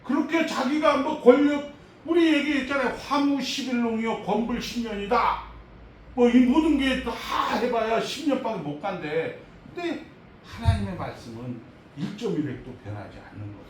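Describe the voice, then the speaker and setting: A male pastor preaching a sermon in a lively, animated way, acting out the voices of people in his stories. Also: extremely high pitch, moderate pace, heavy reverb, distant mic, slight background noise, low-quality recording. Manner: animated, acts out quoted voices. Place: church sanctuary.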